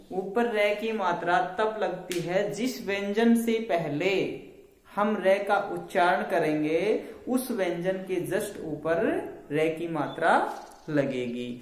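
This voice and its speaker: A man's voice: high-pitched, far from the mic. A man teaching an online grammar class, explaining step by step and answering his own questions. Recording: echoey room, voice off-mic.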